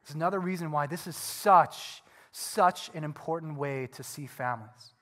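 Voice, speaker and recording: Middle-aged male pastor, fairly high voice, earnest sermon delivery, church hall reverb. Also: moderate pace. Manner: earnest, swings between soft reflection and loud animated bursts. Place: church sanctuary.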